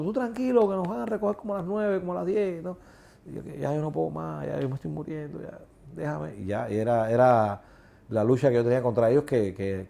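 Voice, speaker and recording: Middle-aged Cuban-accented man, interviewee; gravelly, mellow, animated storyteller. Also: mid-range voice. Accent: Cuban Spanish. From Cuba. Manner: animated, acts out voices in his story. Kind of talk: personal storytelling.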